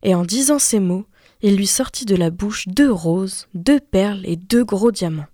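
Mellow-voiced woman reading a fairy tale. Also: mid-range voice, measured pace, no room sound, studio quality. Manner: expressive storytelling. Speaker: reader.

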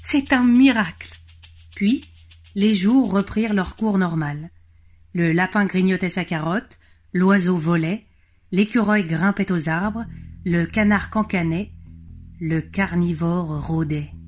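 Woman, storybook narrator, gentle, expressive, faint background music. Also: on the low side, takes it slowly.

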